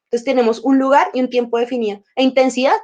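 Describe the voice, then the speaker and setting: Lady with a high voice giving a workshop, chatty, plays out little talks with her feelings, bit of a sore throat. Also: little pitch movement, quick pace, dark tone. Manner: conversational, acts out inner dialogues with emotions. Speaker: workshop teacher. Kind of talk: emotional intelligence workshop talk.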